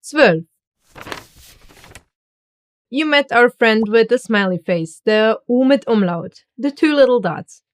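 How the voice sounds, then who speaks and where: Slow, careful woman teaching pronunciation. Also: a little high, lively intonation. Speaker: language teacher. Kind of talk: scripted lesson narration.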